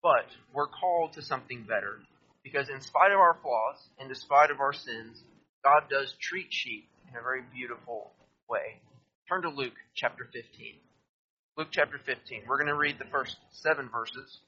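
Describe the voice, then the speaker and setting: Man, sermon, preacher reading and explaining scripture, bright tone, husky, slightly muffled lo-fi recording. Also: mid-range voice, normal speed. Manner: reads scripture aloud and explains it to listeners; addresses listeners directly, asks them to turn to verses.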